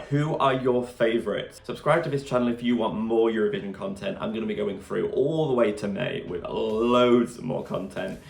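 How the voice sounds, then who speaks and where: A man in casual, enthusiastic reaction-video chat, sharing his opinions straight to camera. His voice sits a little low with a gravelly edge. The room gives it a noticeable echo. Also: a little mellow. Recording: roomy echo.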